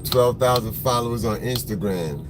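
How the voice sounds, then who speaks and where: A relaxed man with a smoker's voice, medium-pitched and at normal speed, hosts a photography livestream while sitting in traffic in his car. He rambles in slang and greets viewers by name. Faint vehicle noise is in the background.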